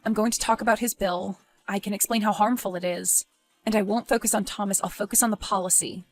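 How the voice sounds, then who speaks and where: A woman voicing a gentle, principled young male teacher in an animated story, speaking softly and earnestly. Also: mid-range voice, fast, faint music behind, natural voice. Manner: soft, subdued, earnest.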